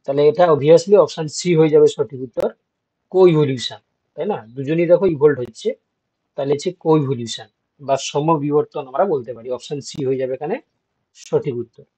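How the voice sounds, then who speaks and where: A man's voice: on the high side, a little fast, dark tone, husky. A man teaching an exam-prep lecture, explaining step by step and asking his students checking questions. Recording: dull lo-fi.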